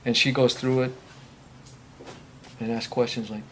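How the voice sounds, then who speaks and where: A man's voice: medium pitch, flat delivery, a little slow. Man, earnest and faith-filled, rambling answers, faint room noise. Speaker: recovery ministry speaker. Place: meeting room.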